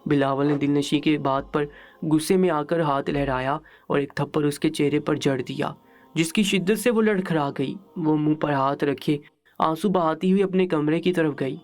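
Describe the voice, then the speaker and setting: A man's voice: on the high side, darkish tone. Emotive male story narrator.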